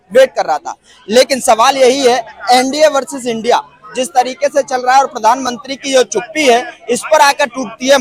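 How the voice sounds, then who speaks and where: A man's voice: extremely high pitch, poor audio. A man interviewing people on the street, asking pointed political questions. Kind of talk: public opinion street interview.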